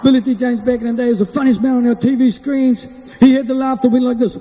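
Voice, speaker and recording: A man's voice: extremely high pitch, mellow, a little hiss or hum. A man with a broad New Zealand Kiwi accent giving chatty, colloquial, folksy stage patter into a microphone as a musician. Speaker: musician entertainer. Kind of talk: folksy stage patter between sung lines. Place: outdoors on a hilltop above the sea. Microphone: microphone on a stand. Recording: outdoor mic with long reverb and music behind. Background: guitar music.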